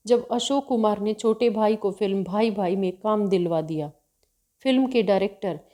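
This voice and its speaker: Woman narrating with a mellow, dark voice. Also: medium pitch. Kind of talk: scripted narration.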